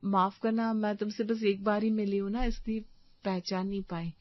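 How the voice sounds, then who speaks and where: A woman voicing a kind, busy young married woman who bosses her friend around in a lively way. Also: medium pitch, moderate pace, no room sound, lo-fi sound, natural voice.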